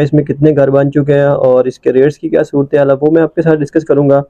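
A Pakistani real estate agent narrates a property tour from inside a moving car, giving a brisk sales pitch full of "uh" fillers. The sound is phone-quality with no echo.

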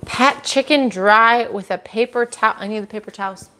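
High-voiced woman cooking on a stream. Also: normal speed, bright, forceful tone, slight background noise. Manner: reads recipe steps aloud, protests playfully. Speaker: co-host cooking on a live stream. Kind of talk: casual chat while cooking. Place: home kitchen.

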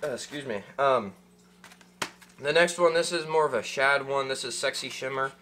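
Seated in a small room, a young adult fishing-channel host unboxes gear in a casual, rambling chat full of ums, uhs and restarts. He talks at normal speed in a medium-pitched, bright and forceful voice, and a little hiss or hum is audible.

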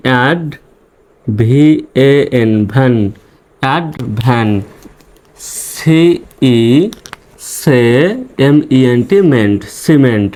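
Man slowly spelling out syllables. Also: mid-range voice, a little mellow. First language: Bengali. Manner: slow, syllable-by-syllable spelling and sounding out. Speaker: English reading teacher. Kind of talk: spelling-out pronunciation lesson.

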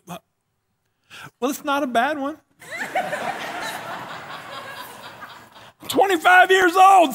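A middle-aged pastor with a lisp, his voice extremely high and fairly bright, gives a humorous sermon on a church stage. He moves and gestures as he recounts stories that make fun of himself, performing the dialogue.

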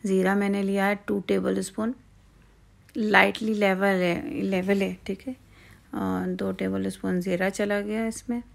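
A woman's voice: mid-range voice, little pitch movement, unhurried, creaky. A woman hosting a home cooking channel, explaining each step in a chatty, casual way with frequent fillers, cooking outdoors at night.

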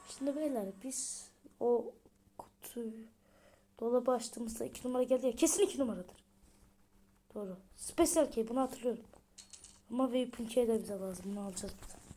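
A woman's voice: fairly high pitch, normal speed, long pauses. Chatty woman gaming streamer. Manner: chatty, muttering to herself, sudden loud outbursts. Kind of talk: let's play commentary.

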